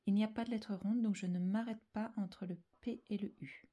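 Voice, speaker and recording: Speaking at a medium pitch, a woman gives little kids a spelling dictation at a slow pace. She stays calm and deliberate, says every syllable more than once, and frequently lowers her voice to a whisper.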